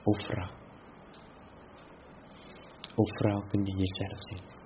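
A man giving a spiritual talk as a meditation teacher, speaking deliberately with repetitive phrasing and halting restarts. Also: deep voice, level tone. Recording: dull lo-fi with faint hiss.

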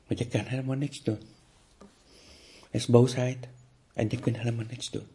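A man giving a contemplative spiritual talk, speaking slowly and repetitively with pauses, sometimes dropping to a near-whisper. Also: medium pitch, flat delivery, mellow. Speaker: spiritual teacher.

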